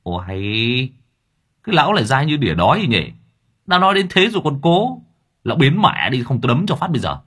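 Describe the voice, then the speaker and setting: A man voicing a hot-tempered male motorbike-taxi driver who talks loud, brash and crude. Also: on the low side, sing-song, moderate pace, long pauses, slightly rough, full character voice. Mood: blustering angry.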